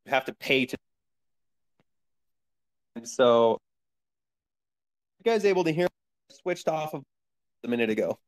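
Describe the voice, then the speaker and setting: A man's voice: medium pitch, expressive, measured pace, pauses often. Man on a choppy, cutting-out call line. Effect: choppy voice cutting in and out over a call connection. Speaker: podcast guest. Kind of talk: remote podcast interview. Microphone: video call.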